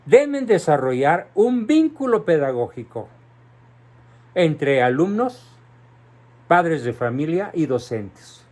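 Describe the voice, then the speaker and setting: A man gives an indignant, emphatic political commentary, speaking deliberately to an audience. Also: high-pitched. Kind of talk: polemical commentary.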